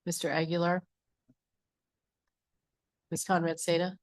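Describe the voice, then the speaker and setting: Flat-voiced woman calling the roll. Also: fairly low pitch, unhurried. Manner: flat, even roll call. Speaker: board clerk.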